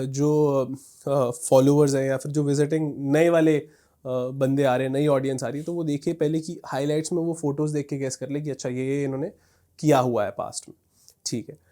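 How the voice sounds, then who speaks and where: Chatty male instructor, slightly high-pitched. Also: warm tone. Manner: conversational, repeats "thik hai" and "dekhiye", frequent fillers. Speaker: instructor teaching Instagram growth. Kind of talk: casual screen-share tutorial.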